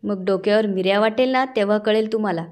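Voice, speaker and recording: A woman's voice: medium pitch, quick pace, darkish tone, natural voice. A woman voicing a haughty young woman who talks rudely and issues threats. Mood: cold. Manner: cold, rude and threatening.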